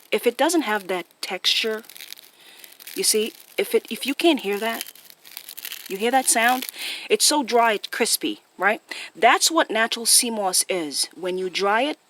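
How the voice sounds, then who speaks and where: The audio is poor, with slight background noise, as a medium-pitched, fairly bright-toned woman with a Jamaican accent records a phone explainer. This online host keeps it casual and impromptu, checking in with short tag questions.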